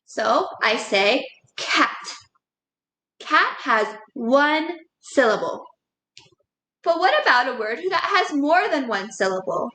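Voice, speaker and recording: A woman's voice: high-pitched, bright, forceful tone, reverberant, low-quality recording. A woman teaching a second grade phonics lesson, encouraging and spelling words out letter by letter. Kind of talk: recorded classroom lesson.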